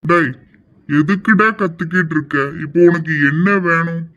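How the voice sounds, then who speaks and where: A man voicing a grumpy, sleepy old village grandfather who scolds in a gruff, dismissive way. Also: fairly high pitch, moderate pace, pushed and bright, lo-fi sound. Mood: grumbling. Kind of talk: amateur audio drama acting.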